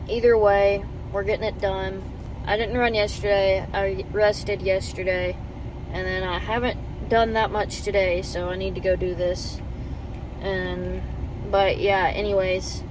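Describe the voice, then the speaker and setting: A woman's voice: medium pitch, noisy background. A woman chatting casually and candidly to the camera in a rambling, informal running vlog. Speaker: running vlogger.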